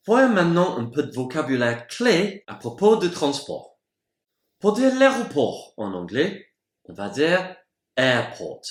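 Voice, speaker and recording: A man teaching English vocabulary, pronouncing example words slowly and carefully. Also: a little high, huge pitch swings. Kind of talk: bilingual vocabulary lesson. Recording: roomy echoey room.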